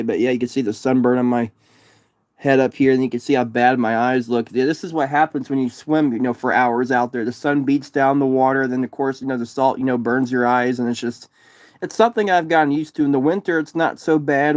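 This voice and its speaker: A man's mid-range, slightly mellow voice comes through without echo as he livestreams from his parked car. Worn out and sunburned after distance swimming, he casually reads comments, rambling and repeating himself.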